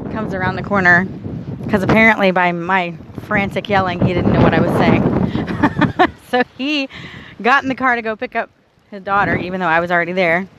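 A woman in her thirties chatting casually to her viewers in an exasperated, venting way, recording from a car. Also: medium pitch. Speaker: vlogger. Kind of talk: casual vlog chat. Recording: car and street noise behind.

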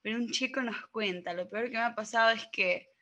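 A woman's voice: fairly high pitch, fairly quick, pushed and bright. A woman co-hosting a podcast in giggly, teasing casual chat. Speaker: podcast co-host.

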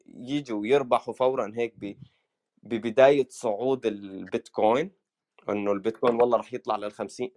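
A man with a Levantine Arabic accent in a casual market chat, dropping English words into his Arabic. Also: mid-range voice.

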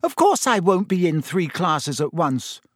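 A man voicing a brisk, self-assured teenage schoolgirl in an audiobook story. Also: mid-range voice, animated, a little mellow, dry recording, studio quality. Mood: curt, snappish.

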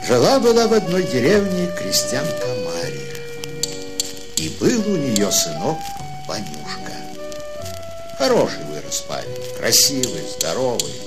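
A man playing a folksy storyteller, narrating a scripted fairy tale in an expressive, sing-song manner. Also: medium pitch, unhurried, vocal fry, heavily acted, poor audio. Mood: unhurried. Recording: loud music with flute behind.

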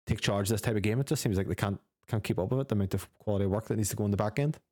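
Low-voiced opinionated podcast co-host man. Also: very fast, darkish tone, no room sound, studio quality. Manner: opinionated, swears casually, reads news items aloud. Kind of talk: casual gaming chat.

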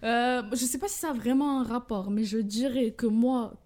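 A young woman joins a podcast as a guest, talking casually. She reacts in a playful, excitable way, and her voice sits somewhat high for a woman. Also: moderate pace. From Morocco. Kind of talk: casual chat.

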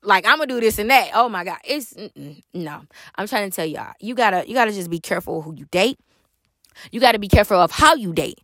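A woman's voice: mid-range voice, lively intonation, fairly quick, a bit bright, no room sound, clean studio sound. A young woman, talking candidly and emphatically about dating in a casual monologue, swearing freely. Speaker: vlogger.

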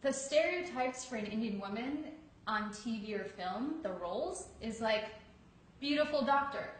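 A woman's voice: fairly high pitch, animated, normal speed, slight background noise. A woman speaking as a guest actress in a casual interview, candid and chatty as she tells stories. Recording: echoey room.

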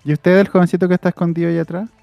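A man's voice: high voice, level tone, very fast, creaky, muffled recording, faint music behind, voice pushed up. A Chilean man voicing a sweet, affectionate elderly rich lady who hosts guests in a tabletop role-play, fussy and polite.

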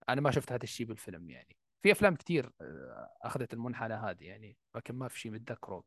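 A man with a Levantine Arabic accent talks films in a casual discussion. His delivery is extremely fast and the sound is dry and close. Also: mid-range voice, no echo. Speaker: film podcast panelist.

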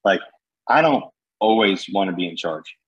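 Young male guest, husky and energetic, rambling casual delivery. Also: low-pitched, normal speed, dull audio. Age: young adult. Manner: energetic, rambling with many fillers and slang. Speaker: guest entrepreneur. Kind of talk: podcast conversation.

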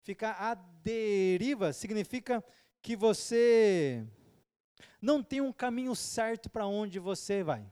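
Preacher, male, fairly high voice, short phrases with pauses for the interpreter. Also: expressive, mellow, clear, resonant tone, in a large hall. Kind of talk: sermon with live interpretation. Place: church hall with a projector.

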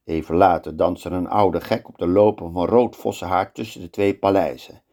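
A man telling a fairy tale aloud. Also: deep voice. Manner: slow and lively storytelling. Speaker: storyteller.

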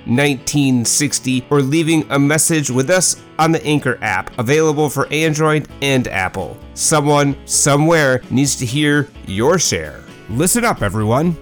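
A man hosting a recovery podcast, reading an enthusiastic scripted introduction. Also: a little high. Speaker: podcast host. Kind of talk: scripted intro then interview.

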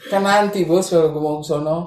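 A man's voice: fairly high pitch, fairly even intonation, a little fast, a crowd in the background. A man with a Jakarta accent chatting and joking casually in Jakarta slang. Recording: echoey, roomy sound.

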